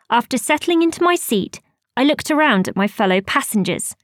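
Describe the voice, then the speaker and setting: A woman telling a first-person story as scripted narration, expressive and rising high on surprise and excitement. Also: no echo, studio quality.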